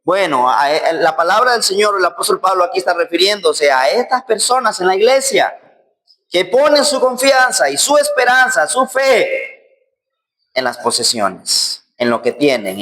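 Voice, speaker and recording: High-voiced pastor preaching. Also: male voice, animated, normal speed. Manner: swings between loud emphatic lines and low soft passages; acts out quoted voices and prayers. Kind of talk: sermon.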